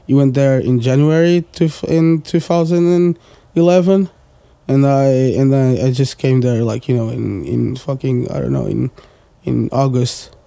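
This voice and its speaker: Guesting on a podcast, this twenty-something producer from Portugal, a native Portuguese speaker, rambles casually with plenty of fillers and an odd curse. He talks at a moderate pace with barely any pauses, his mid-range voice creaky and warm, and the recording is dry.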